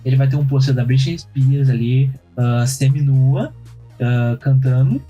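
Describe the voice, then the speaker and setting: A man's voice: medium pitch, measured pace, husky, muffled recording, faint music behind. A young adult man, telling stories and reasoning aloud on a casual podcast. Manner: storytelling, reasoning out loud. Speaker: podcast co-host. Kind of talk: casual chat.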